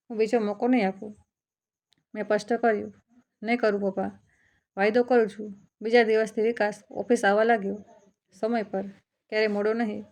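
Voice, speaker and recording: A woman storyteller reads a family drama aloud in a calm, steady way. Her voice is gravelly with a flat, level melody. She voices the father's story in first person. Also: medium pitch. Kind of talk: scripted narration of a family story.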